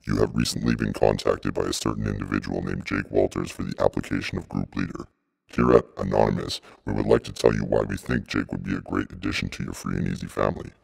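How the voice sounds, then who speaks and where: A man reads a scripted anonymous message through a disguised deep voice, pitched down to a rumbling extreme. His voice is heavily gravelly with plenty of fry and a husky edge. He speaks in a dry, measured, mock-formal way. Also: darkish tone. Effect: disguised deep voice, pitched far down.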